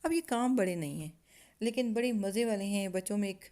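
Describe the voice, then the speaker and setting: Woman giving relaxed parenting advice. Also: mid-range voice. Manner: conversational, with frequent hesitations and rhetorical questions; acts out parent-child exchanges as examples. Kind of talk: informal talk on child psychology.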